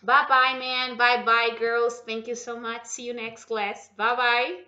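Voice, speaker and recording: A Portuguese-speaking woman teaching an English lesson in a casual way, repeating words slowly and often checking that her students follow. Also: a little high, flat delivery, pushed and bright. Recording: dull lo-fi sound.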